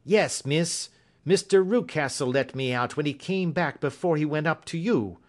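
A man's voice: on the high side, moderate pace, pitched above the performer's own voice, close to an everyday voice. A man voicing a gaunt, knowing servant woman, deferential but insistent and folksy, in a storybook reading. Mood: regretful.

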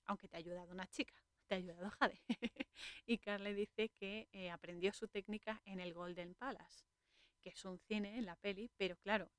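A woman's voice: mid-range voice, clear, resonant tone, no echo. Chatty Spanish woman laughing through a film recap. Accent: Spain Spanish. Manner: chatty, laughs often while retelling scenes. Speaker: podcast host. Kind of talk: casual podcast film recap.

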